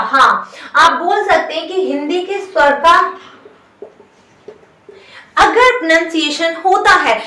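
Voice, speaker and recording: High, bright woman teaching in an echoey room. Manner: explains patiently, asks and answers her own questions; says "theek hai" after each point. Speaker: English teacher. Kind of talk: whiteboard grammar lesson. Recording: roomy echo from a distant mic.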